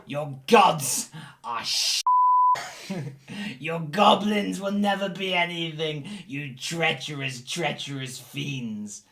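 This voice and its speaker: A man's voice: a little high, creaky, a bit bright, slight background noise, exaggerated voice. A man as a defiant battered prisoner. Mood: contemptuous. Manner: slow, spitting contempt.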